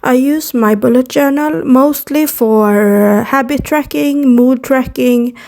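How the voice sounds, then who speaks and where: This casual to-camera vlog features a young Swedish YouTuber whose Swedish-accented speech is hesitant and filled with fillers. Her high-pitched, slightly mellow voice moves slowly, and the recording uses the device mic with no external microphone.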